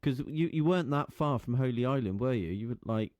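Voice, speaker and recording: A man from England co-hosting a casual podcast, talking in a relaxed, rambling way with many fillers. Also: medium pitch, fairly quick, dry recording. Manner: relaxed, trailing, filler-heavy speech. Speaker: podcast co-host. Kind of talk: casual chat.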